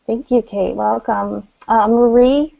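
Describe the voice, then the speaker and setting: A woman's voice: fairly high pitch, steady tone, slow pace, creaky. A woman casually hosting a live online session and handing over to participants. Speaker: host. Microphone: video call. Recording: dull lo-fi video call audio.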